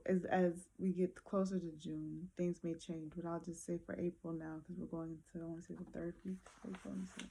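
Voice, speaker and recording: A woman talking casually to her viewers late at night before bed, thinking aloud with many pauses and fillers. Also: on the low side, gravelly, warm tone, breathy edge. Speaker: vlogger.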